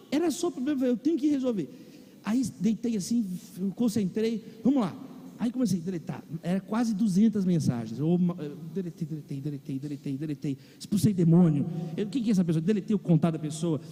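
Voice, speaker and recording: Animated Brazilian pastor in a reverberant hall. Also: male voice, high-pitched, quick pace, breathy edge. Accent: Brazilian Portuguese. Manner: animated, comic storytelling to a congregation. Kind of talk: sermon with humorous personal anecdote. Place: large church or auditorium. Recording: long reverb of a large hall.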